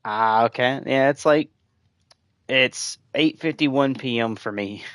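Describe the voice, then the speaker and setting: A man's voice: medium pitch, takes it slowly, fairly bright tone, clean tone. A man streaming a video game, rambling casually and chatting with his viewers as he plays. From United States. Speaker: gaming streamer. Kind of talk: casual gameplay commentary.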